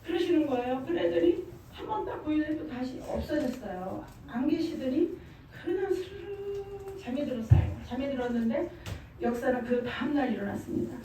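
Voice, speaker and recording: High-voiced woman in an echoey hall. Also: expressive, normal speed, warm tone, slight background noise. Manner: emphatic, fervent, repeats phrases. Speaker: testimony speaker. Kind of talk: church testimony. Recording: very echoey room, far from mic.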